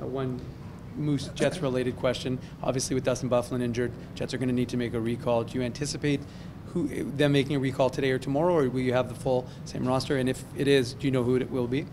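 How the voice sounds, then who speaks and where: A male reporter fires off questions at a brisk pace, one clause running into the next. Clear background noise sits under his voice. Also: mid-range voice, little pitch movement. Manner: quick, running questions together. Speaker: sports reporter. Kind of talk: post-game press questions.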